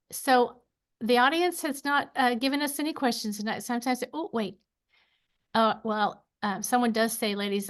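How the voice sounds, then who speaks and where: A woman with an Appalachian twang moderating a literary panel, folksy and quick to laugh. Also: medium pitch.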